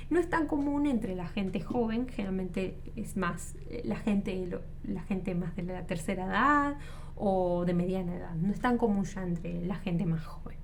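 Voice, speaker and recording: A woman gives a relaxed Spanish lesson, her voice mellow and warm at a middling pitch. She explains patiently with examples and often stops to rephrase or correct herself mid-sentence. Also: slight background noise. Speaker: Spanish teacher.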